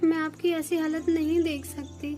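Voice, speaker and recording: A woman voicing a devoted, anxious young female sparrow wife who speaks softly and tearfully in a cartoon. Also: sits high, level tone, normal speed, faint music behind, lightly acted. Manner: soft, tearful.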